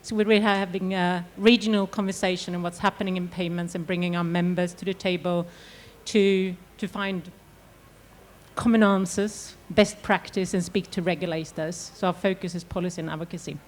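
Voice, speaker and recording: A woman's voice: on the low side, steady tone, normal speed. Woman moderating a conference panel. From Sweden. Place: conference stage.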